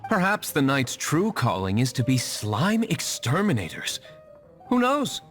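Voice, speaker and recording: Game dub: a curt, aloof young tavern owner, dry delivery. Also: male voice, a little high, huge pitch swings, unhurried, fairly bright tone, soft background music, exaggerated voice. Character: stern, reserved young male tavern owner. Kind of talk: video game dub acting.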